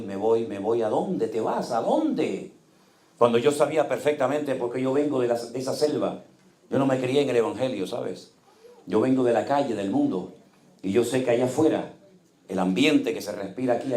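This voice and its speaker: A middle-aged man, a pastor, preaching a sermon and telling personal stories, swinging from loud exclamations to hushed quiet. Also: mid-range voice, normal speed, reverberant.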